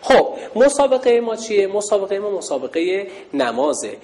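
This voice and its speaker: A woman teaching girls a religious lesson, shouting call-and-response cues and giving cheerful praise. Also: medium pitch, very animated. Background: children's chatter.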